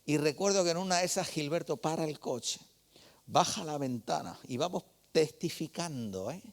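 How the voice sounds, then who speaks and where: A man's voice: fairly high pitch, animated, moderate pace. A man preaching a sermon, telling stories in a conversational way and asking the congregation rhetorical questions.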